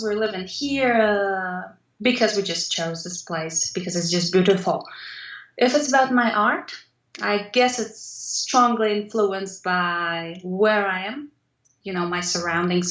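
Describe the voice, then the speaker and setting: A woman's voice: medium pitch, a bit bright, roomy sound, highs cut off. A woman from Poland, a guest artist, talking thoughtfully in a casual interview and laughing easily.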